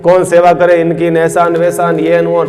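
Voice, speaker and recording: A man voicing a scheming wife who wails loudly in a fake show of crying. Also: completely flat delivery, normal speed, close to an everyday voice. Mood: complaining. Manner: loud wailing, raised pitch. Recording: reverberant hall, faint music.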